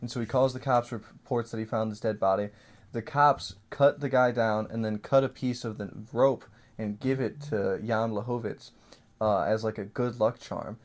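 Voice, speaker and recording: A man's voice: fairly low pitch, fairly even intonation, moderate pace. A man co-hosting a casual podcast, telling rambling stories full of fillers and swearing. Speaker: podcast co-host. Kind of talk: casual chat.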